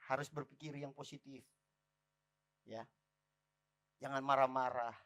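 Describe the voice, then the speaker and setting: A man preaching a lively sermon in church, calling out to the congregation. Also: medium pitch, unhurried. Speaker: pastor.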